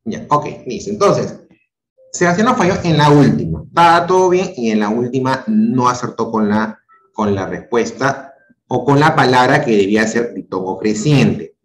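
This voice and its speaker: A man's voice: medium pitch, lively intonation, normal speed, reverberant. A male teacher giving an online class, patiently questioning and repeating his students' answers. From Peru. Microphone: video call.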